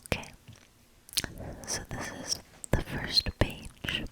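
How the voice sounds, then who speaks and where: A woman whispers breathily as she reads a storybook aloud for ASMR. She is gentle and deliberate, pausing to linger between short phrases.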